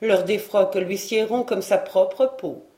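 A woman's voice: mid-range voice, unhurried, dark tone, reverberant, natural voice. A woman putting on a wheedling little clothes dealer. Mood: brisk. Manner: wheedling, waddling merchant. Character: sly little middle-aged male clothes dealer.

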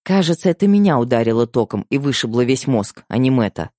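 A man narrating a novel in an expressive storytelling manner. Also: medium pitch, a little fast, no echo, clean studio sound. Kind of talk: audiobook narration.

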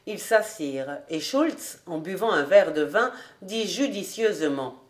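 A French woman reading a classic novel aloud as an audiobook, in a measured, unhurried way. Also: lowish voice, lively intonation. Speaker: audiobook reader.

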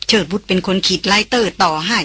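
A woman narrates a novel for an audiobook in a steady, expressive way. Her voice is bright with a husky grain, heard close and dry. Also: mid-range voice, fast, dry recording.

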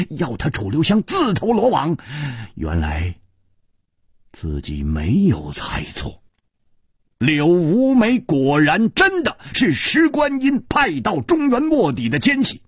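A male storyteller with a husky voice, narrating a martial arts tale dramatically in a studio. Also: sits high, no echo. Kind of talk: traditional storytelling broadcast.

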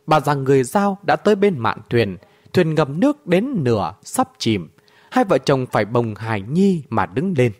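Male narrator for a dramatic adventure storybook, animated pitch. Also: dry recording.

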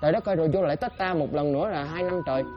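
Someone playing a jokey old fairy grandpa spirit, rattles on fast, music behind. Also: medium pitch, dull audio, natural voice. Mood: rambling. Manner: long rambling comic rants, quick exclamations. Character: playful old male fairy spirit, rambling and teasing. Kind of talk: comic sketch acting.

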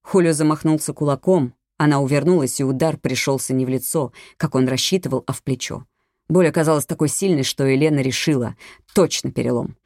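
An audiobook narrator giving a measured, even reading of a crime thriller. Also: medium pitch, no echo, studio quality.

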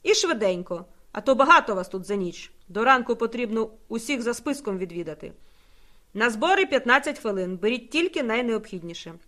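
A woman voicing a coarse older male soldier who shouts and mocks rudely, in an audiobook. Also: fairly high pitch, animated, brisk. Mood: barking. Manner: loud, mocking, rude. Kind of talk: audiobook character voice.

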